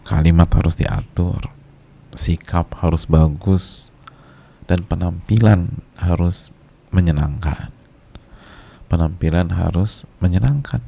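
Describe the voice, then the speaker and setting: Deep, gravelly male preacher. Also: dark tone. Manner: repeats key phrases for emphasis, mixing in Arabic; chatty, colloquial asides. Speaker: Islamic preacher. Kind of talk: casual sermon to a women's congregation.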